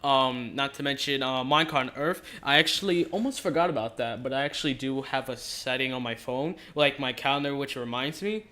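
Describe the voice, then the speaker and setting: Bright-voiced man talking with a stitched-up mouth. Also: mid-range voice, fairly quick, few pauses. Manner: rambling, hesitant, self-correcting. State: mouth stitched after dental surgery, talking slightly abnormally. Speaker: video creator giving game commentary. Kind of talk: casual rambling commentary.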